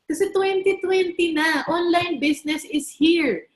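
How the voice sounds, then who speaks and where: A woman's voice: extremely high pitch, unhurried, reverberant. A woman around thirty giving a chatty motivational talk about network marketing to a live audience, telling stories and asking the crowd questions. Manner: chatty storytelling, mixing in English, asks the crowd questions.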